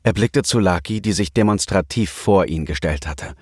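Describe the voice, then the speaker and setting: Brief: male storybook narrator, low voice, even and measured, dry studio sound. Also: breathy edge, dry recording. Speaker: audiobook narrator. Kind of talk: scripted narration.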